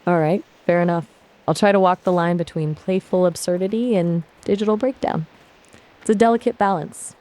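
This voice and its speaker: A woman's voice: lowish voice, warm tone. A synthetic woman's voice acting as a chatty, upbeat AI gaming companion in casual chat.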